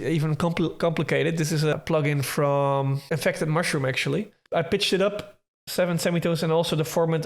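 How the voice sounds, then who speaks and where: A man walking through how he made a track, in casual tutorial talk, thinking aloud with small restarts. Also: fairly high pitch. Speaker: music producer explaining his track.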